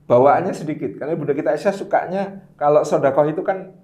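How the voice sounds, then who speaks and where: A man's voice: on the high side, fast. A man preacher in a casual religious talk, telling stories and acting out the quotes. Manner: storytelling, animated with acted quotes. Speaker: Islamic preacher guest. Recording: roomy echo.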